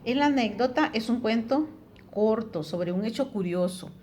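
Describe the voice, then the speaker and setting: A woman's voice: fairly high pitch, animated, normal speed, a little mellow, slight background noise. A woman teaching a lesson, explaining patiently, with frequent tag questions and fillers. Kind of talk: recorded Spanish tutoring lesson.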